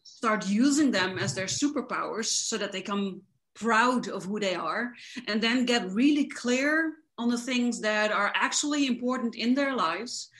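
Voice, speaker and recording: A woman's voice: on the high side, lively intonation, measured pace, a bit bright. A woman from the Netherlands, a coach explaining her work fluently and enthusiastically in an interview. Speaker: guest, coach. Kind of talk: casual interview.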